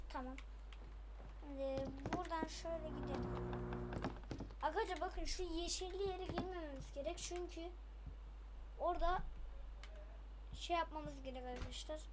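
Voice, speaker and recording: A woman commentating a horror game as she plays, often shouting at the character and repeating words. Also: high-pitched, noisy background. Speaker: gameplay streamer. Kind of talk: excited gameplay commentary. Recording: loud game music behind.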